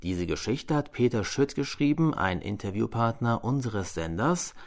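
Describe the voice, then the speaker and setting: A man reading listener letters and a story on air as a radio presenter, in a measured, formal way. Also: mid-range voice, expressive, gravelly.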